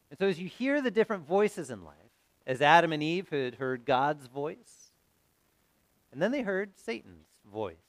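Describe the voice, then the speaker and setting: A man preaching a sermon as pastor, in a conversational style that swings from loud to soft. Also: mid-range voice, dry recording.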